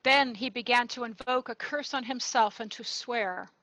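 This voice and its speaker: A woman narrating a gospel reading in a church service, clear and measured. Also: on the high side, sharp tone, no room sound, poor audio. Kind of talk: liturgical scripture reading.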